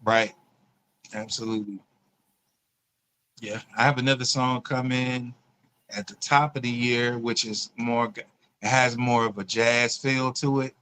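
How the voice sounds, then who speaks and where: A man's voice: mid-range voice, steady tone, sharp tone, clean tone. A man guesting as a singer-songwriter on a radio show, readily agreeing and thanking the host in casual chat. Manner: agreeable, quick to affirm and thank.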